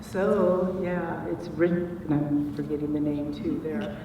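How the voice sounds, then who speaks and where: A woman in her sixties, a children's author, makes earnest remarks on a panel in a conference hall. Her low voice is steady and measured in pace, and she is recorded from far away, so the sound is echoey and noisy.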